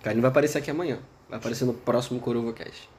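A man's voice: mid-range voice, fairly even intonation, very fast, darkish tone. A Brazilian man co-hosting a casual podcast chat, talking in street slang and swearing often. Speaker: podcast co-host. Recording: noticeable background noise.

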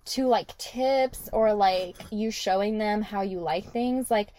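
A woman's voice: mid-range voice, slow, crowd noise. A woman podcaster recorded inside a closet, chatting casually and brashly with lots of swearing and "like". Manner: brash, sweary, heavy use of "like". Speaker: podcast co-host. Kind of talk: casual raunchy chat.

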